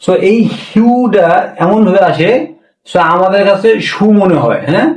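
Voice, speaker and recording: Male language teacher, high voice, patient and repetitive, roomy echo. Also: animated, unhurried, far from the mic. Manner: asks and answers his own questions, repeats each point. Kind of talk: classroom pronunciation lesson.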